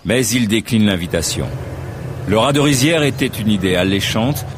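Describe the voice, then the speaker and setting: A man's voice: lowish voice, expressive, moderate pace, noisy background. A man from narrating a nature documentary in a scripted, storytelling way.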